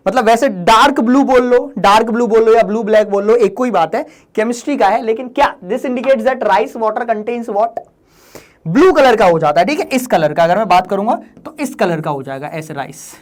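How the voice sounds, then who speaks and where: Man, fairly high voice, playful teacher running an exam-prep lesson, jokes and teases his students. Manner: joking, playful, teasing students. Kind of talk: exam-prep lesson in Hindi-English mix.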